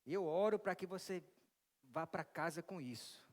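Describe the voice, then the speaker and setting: Um pastor brasileiro pregando e fazendo perguntas à congregação, com um jeito animado e bem-humorado. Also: male voice, high-pitched, normal speed. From Brazil. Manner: lively, asks the congregation questions and jokes with them. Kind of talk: interactive sermon. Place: church hall. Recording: long church reverb.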